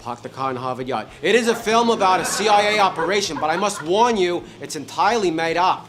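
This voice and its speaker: An actor playing a pompous leader in a comedy sketch, speaking loudly and mock-seriously. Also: male voice, sits high, expressive, brisk, a crowd in the background.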